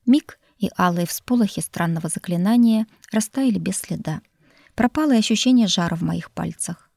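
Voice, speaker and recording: A woman reading a first-person novel aloud in an expressive, wry storytelling manner. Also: medium pitch, moderate pace, creaky, no room sound, clean studio sound. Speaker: audiobook narrator. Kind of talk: first-person audiobook narration.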